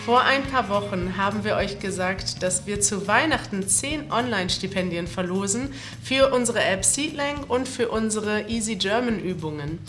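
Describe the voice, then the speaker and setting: Earnest woman host over soft music. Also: medium pitch, animated, moderate pace, hardly any pauses. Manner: earnest, emotional, reflective. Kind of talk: heartfelt address to viewers.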